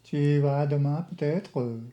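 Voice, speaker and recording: A woman with a Parisian French accent and a fairly deep, dark, soft-edged voice. She talks unhurriedly in casual conversation, teasing playfully. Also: a little slow, muffled recording. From France.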